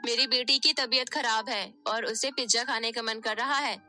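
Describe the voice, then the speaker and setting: A woman's voice: fairly high pitch, steady tone, moderate pace, music in the background, natural voice. A woman voicing a cruel, middle-aged stepmother who scolds and threatens her stepdaughter in a storybook tale. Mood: harsh scolding.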